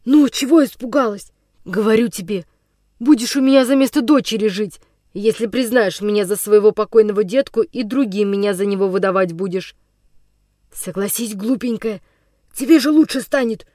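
Woman reading as a rough old vagabond villain. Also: mid-range voice, normal speed, mellow, no room sound, clean studio sound, natural voice. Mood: coaxing. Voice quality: rough, hoarse-edged voice. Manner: menacing, gloating. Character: coarse older male forest vagabond villain. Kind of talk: audiobook character reading.

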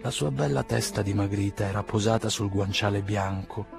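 A man reading a novel aloud as an audiobook narrator, in a calm, measured way. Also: fairly low pitch, creaky, music in the background. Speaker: audiobook reader. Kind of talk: scripted narration.

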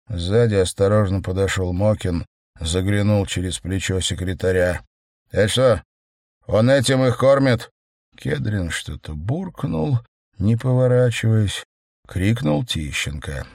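Male narrator, audiobook, steady delivery, dry close recording. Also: low voice, no room sound. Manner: measured, even storytelling.

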